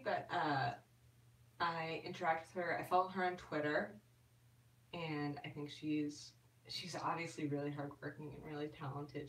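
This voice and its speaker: A woman hosts a casual live stream, answering viewers' comments in a chatty, easygoing way full of little fillers. Her voice sits a little low. She sounds set back from the microphone in a roomy, echoing space. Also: fairly bright tone, slight background noise. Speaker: ASMR YouTuber answering live chat. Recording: roomy and distant from the mic.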